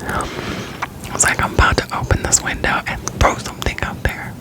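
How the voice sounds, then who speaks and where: A young American woman from Florida whispers an informal, unscripted ASMR ramble, breathy and up close to the microphone. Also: normal speed. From Florida, United States. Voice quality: whispering throughout, breathy and unvoiced. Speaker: ASMR creator.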